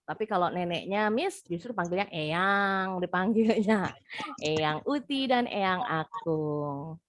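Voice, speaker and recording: A woman's voice: on the low side, expressive, takes it slowly, no room sound. A young woman with an Indonesian accent teaching an English class over a video call, patiently explaining and repeating words for pronunciation.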